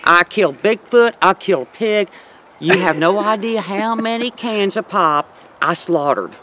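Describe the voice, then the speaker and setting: A woman's voice: medium pitch, a little slow. Woman, 50s, playful first-time shooter; outdoor noise behind her. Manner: playful, laughing, whooping after shots. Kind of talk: casual chat while shooting.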